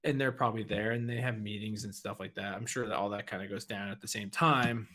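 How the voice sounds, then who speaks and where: A man's voice: lowish voice, fairly even intonation, a little fast, pushed and bright. A man co-hosting a gaming podcast in casual chat, rambling with lots of "like" and "you know". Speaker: podcast co-host.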